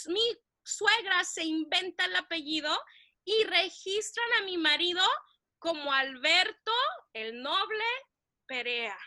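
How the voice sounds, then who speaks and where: A woman co-hosting a faith podcast, telling a story in an animated way, laughing often and slipping in English phrases. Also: extremely high pitch, no echo, clean studio sound. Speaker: podcast co-host.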